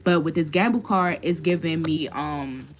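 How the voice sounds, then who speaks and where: A woman's voice: low-pitched, normal speed, slight background noise. Blunt, cursing woman in her thirties. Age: 30s. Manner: blunt, profane, emphatic. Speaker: tarot card reader. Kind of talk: casual livestream rant and card reading.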